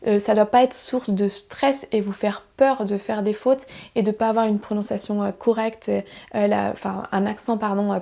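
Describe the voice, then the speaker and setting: A young woman with a fairly high but mellow, darkish voice gives a YouTube language lesson. She explains step by step, often pausing on fillers and correcting herself mid-sentence. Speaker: English teacher.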